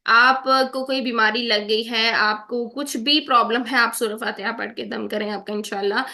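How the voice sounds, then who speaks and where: Bright-voiced woman teaching Quran recitation. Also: fairly high pitch, steady tone. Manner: patient, repeats words slowly to demonstrate; checks in often with "theek hai?". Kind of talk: online tajweed lesson.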